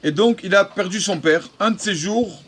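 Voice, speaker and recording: Rabbi, male, fairly high voice; halting storyteller who restarts phrases and drops in Hebrew terms. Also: fairly bright tone. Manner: halting, repeats and restarts words while telling; mixes in Hebrew religious terms. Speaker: rabbi giving a daily talk. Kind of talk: storytelling talk to a congregation.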